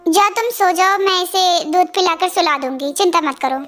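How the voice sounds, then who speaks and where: A woman voicing a shy young new mother, very high. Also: moderate pace, soft background music. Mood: worried. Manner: soft, earnest, a little worried. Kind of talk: amateur Hindi fan dub.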